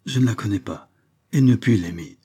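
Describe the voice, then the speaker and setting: A distressed young girl of a storybook, defiant and impetuous, as a man reads her out. The voice is lifted higher but keeps a dark, husky grain, pleading and then flaring into vehement protest. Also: animated, moderate pace. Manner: pleading, rising to vehement outbursts.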